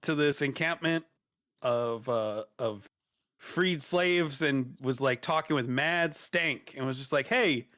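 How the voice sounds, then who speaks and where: A man's voice: medium pitch, slow pace, a bit bright, no echo, studio quality. A man casually recapping a tabletop game session as a player, rambling with fillers. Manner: rambling, with many fillers and laughs.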